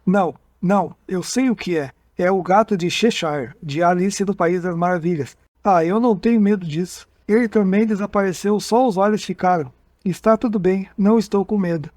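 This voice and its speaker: A man reading the part of a frightened man who relives an abduction under hypnosis, halting and repeating his words. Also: high-pitched, a little mellow, no room sound, close to an everyday voice. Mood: dazed.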